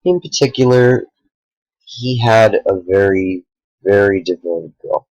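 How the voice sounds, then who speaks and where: A tired young man talking earnestly to the camera late at night, a small YouTuber speaking in halting sentences with sighs. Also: on the low side, a little mellow, no room sound, muffled recording. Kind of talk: sincere direct-to-camera talk.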